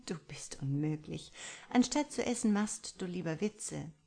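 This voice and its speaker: A woman's voice: on the low side, expressive, a little slow, vocal fry, darkish tone, exaggerated voice. A woman reading a fond, impatient young woman. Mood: affectionate. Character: affectionate, hungry young woman on a romantic getaway. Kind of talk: audiobook dialogue reading.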